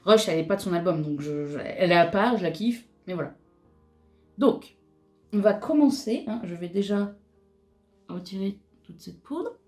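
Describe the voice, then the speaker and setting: A woman's voice: on the low side, lively intonation, moderate pace, long pauses, a little mellow, faint music behind. A young woman chatting casually and laughing as she does her makeup for a vlog, with lots of fillers and restarts. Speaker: beauty vlogger. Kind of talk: casual chat while doing makeup.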